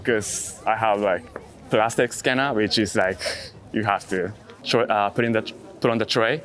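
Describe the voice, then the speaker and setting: Lowish and fairly bright in tone, this man's voice moves at a normal pace as he talks about his work as a street photographer in a casual interview. He comes from outside the US and answers thoughtfully but hesitantly, in short fragments of non-native English.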